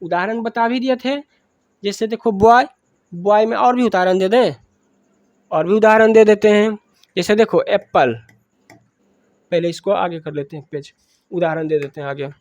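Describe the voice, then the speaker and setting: A woman's voice: mid-range voice, normal speed, long pauses, darkish tone, no echo. A woman with a Bihari accent teaching a grammar lesson, asking questions and answering them herself, repeating each point.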